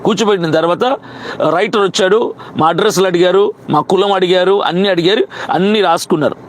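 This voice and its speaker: A man's voice: sits high, fast, a little hiss or hum. A man, a pastor, giving an indignant, insistent first-person account with quoted dialogue.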